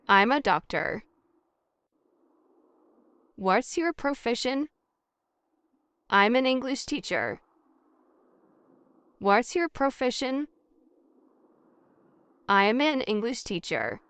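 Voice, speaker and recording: A woman teaching English through a scripted practice dialogue, speaking at a very slow, deliberate pace. Her voice is smooth and crisp, and she sits a little high for a woman. Every line comes out carefully enunciated in a dry, close sound. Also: fairly bright tone, no echo. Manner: reads each question and answer twice, carefully enunciated. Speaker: language teacher.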